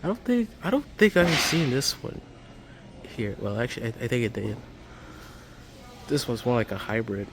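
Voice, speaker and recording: Animated and pausing often, a man with a mid-range voice speaks at normal speed as he casually vlogs his walk through a large warehouse store. He uses a handheld phone or camera, and clear store ambience fills the background.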